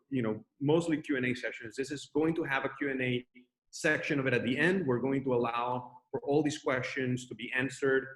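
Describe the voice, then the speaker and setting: A man of middle pitch hosts a live online question session, greeting the guest and walking through the schedule. He talks loosely and restarts his sentences often over a video call. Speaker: webinar host. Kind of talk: hosting an online Q&A.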